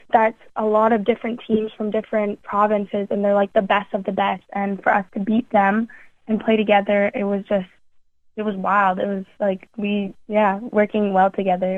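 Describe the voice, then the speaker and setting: A woman's voice: medium pitch, dry recording. A teenage girl athlete being interviewed, talking eagerly with many fillers and restarts. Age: teens. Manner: enthusiastic, lots of fillers and restarts. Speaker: youth athlete guest. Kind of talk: phone interview. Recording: tinny phone line, dry.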